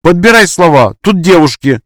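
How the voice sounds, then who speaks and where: A man's voice: fairly high pitch, very animated, normal speed, dry recording, clean studio sound, voice pushed up. Man doing a stern woman teacher. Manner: stern, composed, matter-of-fact. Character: strict calm woman teacher.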